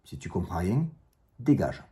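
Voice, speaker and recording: A man's voice: deep voice, big pitch swings, measured pace, warm tone. A man with a strong accent talking bluntly straight to camera in a casual monologue, repeating himself and dismissing critics. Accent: strong non-native accent in French. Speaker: YouTuber, self-defence instructor.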